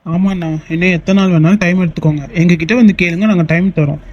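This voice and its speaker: A man voicing a young male boss in an animated short, speaking in a firm but reassuring way. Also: high-pitched, fast, muffled recording. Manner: firm then soothing, reassuring tone. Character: young male company boss, calm and kind. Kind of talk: Tamil animated short voice acting.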